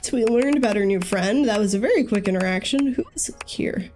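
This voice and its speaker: A woman's voice: mid-range voice, fast, darkish tone, a little hiss or hum. A young woman giving casual let's-play commentary, chatty and thinking aloud with frequent ums. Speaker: gaming YouTuber.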